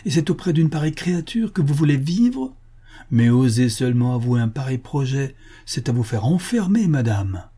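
A man's voice: medium pitch, fairly even intonation, normal speed, dark tone, slightly rough, natural voice. A man reading the part of a domineering, sardonic aristocratic husband with a threatening tone. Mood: menacing. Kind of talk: audiobook character reading.

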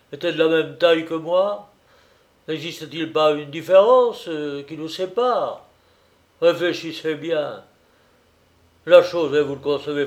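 A man voicing a young suspect arguing his innocence in a read-aloud courtroom story, forceful and protesting. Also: fairly high pitch, lightly acted. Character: defiant young male suspect, argumentative.

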